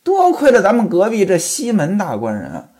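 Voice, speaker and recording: A storyteller voicing a sharp-tongued young wife who scolds her husband at length in a raised, indignant voice. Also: mid-range voice, huge pitch swings, moderate pace, husky, voice pushed up. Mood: scolding. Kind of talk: traditional storytelling voice.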